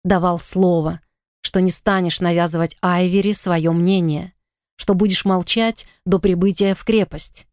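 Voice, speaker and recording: A man's voice: sits high, steady tone, unhurried, clean tone, dry recording. Hot-tempered young lycan man voiced by a woman reader, demanding, dry close recording. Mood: angry. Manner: demanding, angry.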